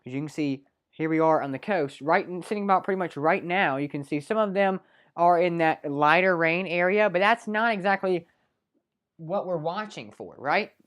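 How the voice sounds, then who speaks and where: A woman's voice: lowish voice, normal speed. A woman presenting a live weather segment in a small local TV studio, talking off the cuff with many fillers and self-corrections.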